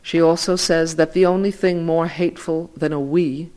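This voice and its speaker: A man reading literary fiction aloud in a measured way, voice dropping softly at the ends of lines. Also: a little high, little pitch movement, smooth. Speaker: reader.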